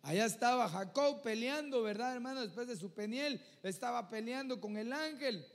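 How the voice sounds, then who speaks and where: A man's voice: extremely high pitch, animated, normal speed, in a large hall. A man preaching a sermon in an earnest, conversational way, often turning to the listeners as brother and asking them to agree. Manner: addresses listeners as "hermano", keeps asking "¿verdad?".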